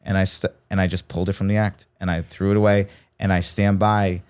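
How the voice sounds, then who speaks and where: A man's voice: sits low, brisk, smooth. A man co-hosting a podcast in casual chat, telling stories and acting out the voices of the people in them. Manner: animated storyteller, acts out quoted voices. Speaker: podcast co-host, stand-up comic.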